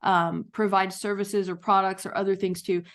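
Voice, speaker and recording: Woman, podcast guest, author, enthusiastic, storytelling, middle pitch. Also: level tone, moderate pace. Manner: enthusiastic, storytelling with acted quotes. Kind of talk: podcast interview.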